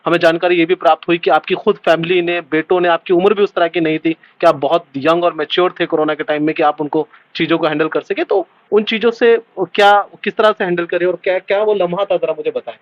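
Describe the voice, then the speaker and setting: Fast-talking male reporter, higher voice. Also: steady tone, no echo, muffled recording. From Delhi. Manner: quick, pressing questioner with many hmm acknowledgements. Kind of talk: interview questions.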